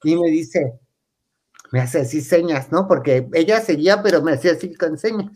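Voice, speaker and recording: A man's voice: on the high side, moderate pace, a little mellow. Camp Mexican man telling a comic story. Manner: camp, chatty, breaks into laughter, acts out the voices of the people he quotes. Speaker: comedic storyteller. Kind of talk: comic anecdote told to a live audience.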